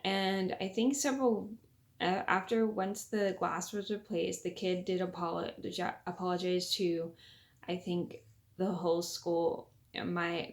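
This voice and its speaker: A young woman telling a casual story to viewers, keeping her voice quiet as if late at night with others asleep, in a halting way that circles back to rephrase. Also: fairly low pitch, vocal fry. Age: young adult. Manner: talking quietly so as not to wake sleeping people at night. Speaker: vlogger.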